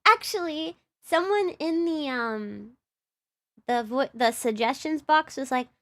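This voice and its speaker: A woman's voice: high voice, animated, slow pace. A young woman with a Texan accent, chatting casually on a live stream in a bubbly, giggly, rambling way. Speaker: livestreamer and VTuber.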